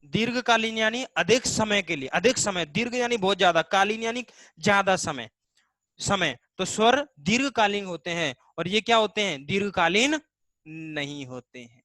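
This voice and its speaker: In a live online Hindi class, a man with a high, pushed, bright voice talks at normal speed with lively intonation and no room sound. Explaining step by step, he voices his students' questions and lengthens vowels for demonstration.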